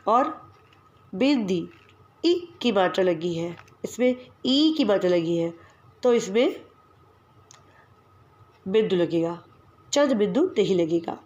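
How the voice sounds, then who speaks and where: A woman teaching a grammar lesson, spelling out example words one at a time and explaining rules with careful pauses. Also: mid-range voice, a little mellow, dull audio.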